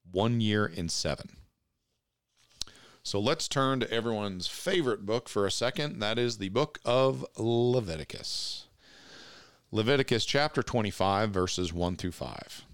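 A man with a very low voice preaches a sermon. He reads scripture aloud and then speaks directly and earnestly to his congregation. The recording is dry and close, with no room echo. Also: expressive, slow pace. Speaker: pastor.

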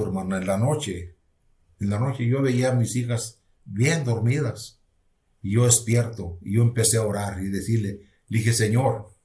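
A male pastor tells his personal testimony in an earnest, halting way, often restarting his sentences. His voice sits at an ordinary middle pitch for a man. The recording has a noticeable roomy echo. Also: a little mellow. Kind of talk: personal testimony told to a listener.

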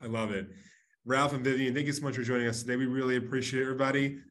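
A man hosting a podcast, asking quick-fire questions in an upbeat way. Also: mid-range voice, fairly even intonation, fairly bright tone. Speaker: podcast host. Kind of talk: podcast interview.

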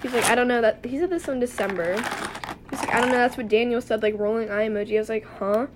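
A woman's voice: on the high side, quick pace, noisy background. A young woman co-hosting a casual chat, animatedly reading out text messages and giggling. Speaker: podcast co-host.

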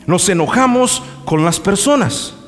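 A man's voice: high-pitched, expressive, unhurried, fairly bright tone. Impassioned preaching man in a reverberant hall. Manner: impassioned preaching mixed with folksy storytelling asides. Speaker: pastor. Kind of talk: sermon. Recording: reverberant hall with faint music.

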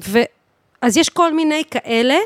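A woman of thirty-one with an Israeli accent, chatting casually as a podcast guest in an animated, emphatic way, with slang and English swearing mixed in. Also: sits high, no room sound, studio quality. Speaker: guest singer, DJ and voice teacher.

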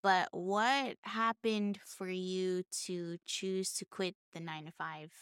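A woman's voice: lowish voice, fairly even intonation, takes it slowly, fairly bright tone, clean tone, no echo. Woman co-host with a dry, close voice. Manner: interviewing, brief interjections and questions. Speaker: podcast co-host. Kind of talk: casual chat.

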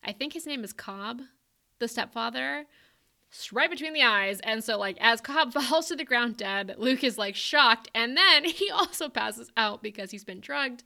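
A woman's voice: fairly high pitch, expressive, moderate pace, vocal fry, bright, forceful tone. A young woman co-hosting a podcast, chattily retelling a book's plot with lots of fillers. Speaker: podcast co-host. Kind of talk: casual book chat.

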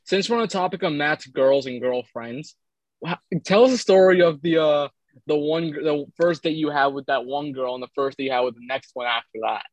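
Male co-host, fairly high voice, halting questions, muffled dry recording. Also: dry recording. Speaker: podcast co-host. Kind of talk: casual chat.

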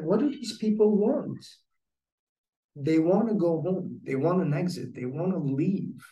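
A man's voice: high-pitched, darkish tone, reverberant, far from the mic. A man telling a personal story of recovery in conversation, earnest and reflective, with many restarts.

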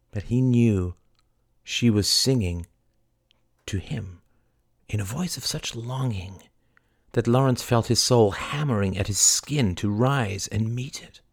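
Man reading a period novel, very deep voice, dead dry close mic, measured and lyrical. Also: gravelly, no room sound. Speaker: audiobook narrator. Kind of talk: scripted narration.

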